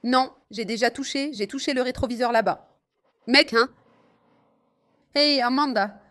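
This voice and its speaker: This motovlogger's voice is fairly high and fairly bright, and she talks at a measured pace. She narrates her ride through rainy city streets, chatting and exclaiming to her audience.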